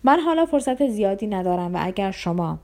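A woman's voice: mid-range voice, sing-song, warm tone. A woman reading the lines of an earnest young prince, speaking politely but firmly.

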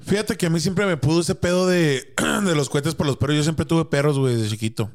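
A man with a Mexican accent recounting a story in relaxed, slangy podcast chat. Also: a little high, brisk. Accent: Mexican Spanish. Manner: laid-back slangy storytelling. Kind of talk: casual chat.

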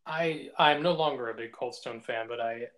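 A man's voice: mid-range voice, normal speed, a bit bright, poor audio. A man in his forties from the United States, co-hosting a casual podcast chat with an easygoing, joking, self-deprecating manner. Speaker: podcast co-host.

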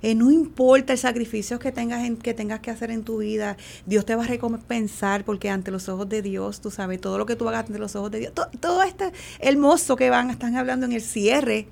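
A middle-aged woman speaks as an interview guest, telling a personal story. Her voice is pitched a little high and is full of heavy vocal fry. She acts out the dialogue she quotes and fills her pauses with hesitations. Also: fairly even intonation, darkish tone.

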